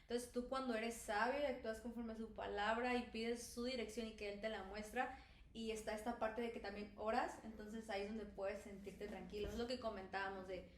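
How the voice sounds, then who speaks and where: A Mexican woman with a fairly high voice, talking earnestly and emphatically in casual slang during a faith chat. The room is echoey, with faint noise underneath. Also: steady tone, fairly quick. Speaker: youth group co-host.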